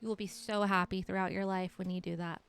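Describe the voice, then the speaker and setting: A woman's voice: mid-range voice, flat delivery, fast, gravelly, smooth, soft background music. A woman in her late thirties, chatting casually on a live stream and encouraging her chat while reading their messages aloud. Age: 30s.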